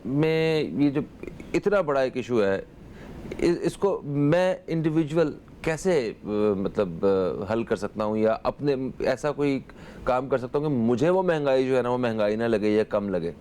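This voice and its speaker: Guy hosting a talk show, warm low-key voice, calm questions, faint rumble in the background. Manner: calm questioning with short acknowledgements. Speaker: host. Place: TV studio.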